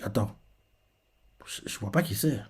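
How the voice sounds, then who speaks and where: A man's voice: lowish voice, expressive, measured pace, husky. A man hosting a live reaction video, retelling a comic chapter loosely and wondering aloud between scenes. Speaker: manga reaction video host.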